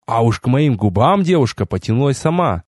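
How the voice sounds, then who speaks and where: A man reading a first-person audiobook in a wry, expressive way with sardonic asides. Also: mid-range voice, a little fast, dry recording, clean studio sound. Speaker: audiobook narrator.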